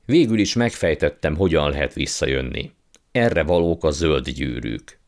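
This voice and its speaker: A man's voice: a bass voice, animated. A man voicing a pompous, blustering old uncle who calls himself a scientist and magician. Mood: smug. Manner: blustering, condescending, impatient.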